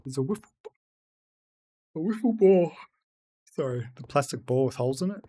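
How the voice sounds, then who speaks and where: His voice is a little high, warm and husky, animated and at a normal speed. He is a chatty game streamer giving casual let's-play commentary, reading his chat aloud and answering it.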